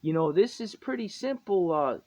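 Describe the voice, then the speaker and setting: A man's voice: high-pitched, lively intonation, normal speed, darkish tone. A man teaching guitar in a casual, rambling way, often correcting himself and chuckling. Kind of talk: casual music lesson. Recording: dull lo-fi with guitar playing.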